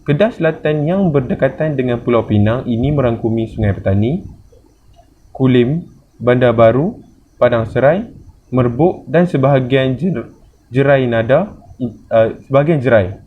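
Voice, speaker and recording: A man's voice: medium pitch, expressive, moderate pace. A man with a Malaysian Malay accent formally reading a scripted academic presentation, like a student presenter. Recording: muffled lo-fi, faint noise.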